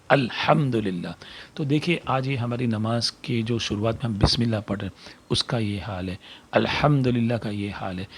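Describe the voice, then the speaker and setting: A low, gravelly man teaches correct prayer recitation, pausing to demonstrate each word slowly and carefully. He sometimes sinks to quiet, breathy asides. The recording carries clear background noise. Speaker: religious teacher. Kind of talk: video lesson on prayer recitation.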